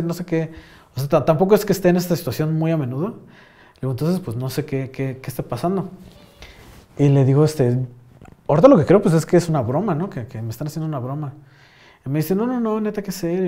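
In a relaxed podcast chat, a young Mexican-accented male host rambles through a story loaded with slang and filler words. He speaks with a mellow voice on the higher side.

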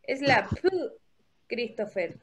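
A woman sitting beside a young child, gently prompting him through his syllables. Her voice is high and she speaks slowly, coming through a video call. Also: slight background noise. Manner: gentle, slow coaching of a child. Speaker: adult helping a child at home.

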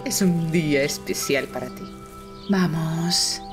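Slow-talking, doting older mother. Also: deep voice, music in the background. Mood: affectionate. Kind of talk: dubbed film drama.

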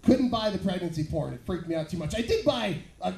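A man's voice: high-pitched, lively intonation, a little fast, creaky, darkish tone. A man in his thirties doing conversational, profane stand-up with leering, smutty joking, on a handheld microphone at a small bar. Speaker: stand-up comedian. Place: small bar or club stage at night. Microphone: handheld stage microphone through PA, filmed from the audience. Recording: echoey room recording with audience noise.

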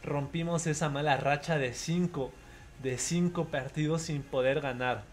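A young man streaming a football video game live, chatty and excitable, greeting viewers by name as he plays. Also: a little high, a little slow. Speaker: gaming streamer. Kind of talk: live gameplay commentary with chat shout-outs.

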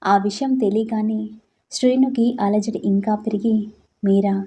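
A woman narrating a scripted love story in a gentle, even storytelling manner. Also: medium pitch, moderate pace, slightly rough.

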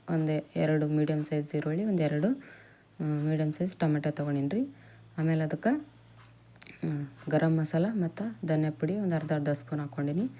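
Young woman, North Karnataka accent, chatty cooking vlogger, low pitch, mellow tone. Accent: North Karnataka Kannada. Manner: chatty, explains step by step to viewers. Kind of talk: homely cooking demonstration and chat.

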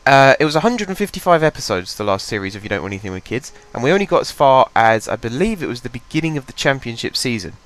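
Talking through his game in an easy, rambling way, a young gaming channel host sits close to his desk mic at home, thinking aloud with lots of fillers. His cold makes him sound somewhat stuffy and congested. His mid-range, fairly bright voice is very animated and fast, with hardly any pauses and a loose delivery.

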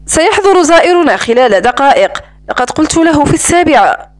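A woman's voice: high voice, sing-song, brisk. A woman reading as a taunting, sarcastic man. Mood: mocking. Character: mocking, cold-blooded man holding a woman captive.

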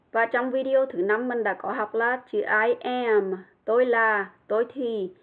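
A woman teaching an English lesson, speaking carefully and repeating words for pronunciation. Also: fairly high pitch. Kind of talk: language lesson. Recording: tinny phone-like sound.

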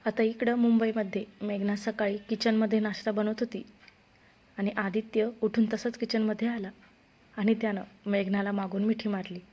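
A woman narrating a romance story in a steady storytelling voice. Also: medium pitch, moderate pace. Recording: dull lo-fi recording.

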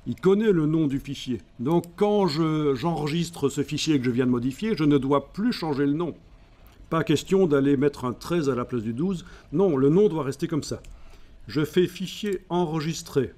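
A man speaking, explaining a software tutorial step by step and thinking aloud as he works. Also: a little high, lively intonation, normal speed. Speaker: software instructor. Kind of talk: screen-recorded software tutorial.

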